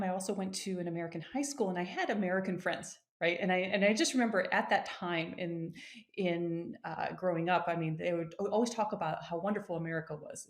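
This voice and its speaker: Conversational woman guest from Japan. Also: mid-range voice. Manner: conversational, with restarts and frequent "right?". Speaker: executive coach. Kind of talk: interview guest telling her story.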